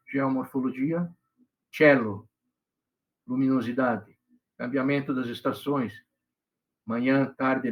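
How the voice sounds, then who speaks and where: A man's voice: mid-range voice, rough recording. An older man lecturing students as a professor, chatty, often checking in with "right?" and slipping in Italian phrases. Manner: conversational, asks "né?" and "entendeu?" often.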